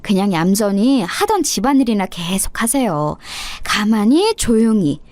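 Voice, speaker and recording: A woman's voice: mid-range voice, sing-song, a little slow, a little mellow, dry recording. A woman voicing an insolent young daughter-in-law who talks with sarcastic, overly polite mockery. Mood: taunting.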